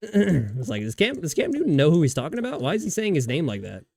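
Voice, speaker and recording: Fast-talking, with vocal fry and wildly swooping pitch, this man has a fairly high, slightly mellow voice. He streams a game and chats loosely with viewers, cursing often and restarting what he says.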